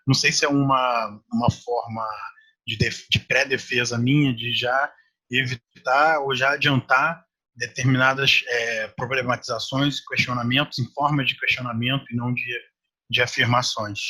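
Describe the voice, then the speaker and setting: Man, podcast guest, reflective, careful wording, bright forward tone. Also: mid-range voice, steady tone, husky. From Brazil. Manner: measured, thoughtful, often rephrasing himself. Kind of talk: reflective conversation.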